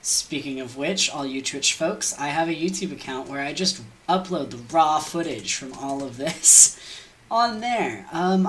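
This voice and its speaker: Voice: mid-range voice, a bit bright, rough recording. A young adult game streamer and storyteller with a sniffly cold, rambling casually in a scatterbrained, self-deprecating and informal way. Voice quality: congested.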